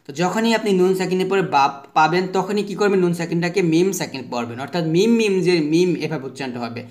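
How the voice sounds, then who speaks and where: A man with a fairly high voice teaches the rules of Quran recitation, step by step. He asks a question and answers it himself. He drags out each letter sound so that listeners can repeat after him. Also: quick pace. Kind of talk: tajweed lesson.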